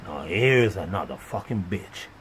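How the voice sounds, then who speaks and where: A man ranting in a profane monologue, rambling and swinging between loud outbursts and muttered asides. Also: sits low, animated, a little slow, slight background noise, poor audio. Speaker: vlogger.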